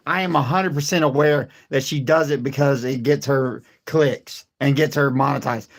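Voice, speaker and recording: A hoarse man who has lost his voice, coughing and talking defensively in casual chat, repeating his points. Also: medium pitch, steady tone, normal speed. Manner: repetitive, defensive.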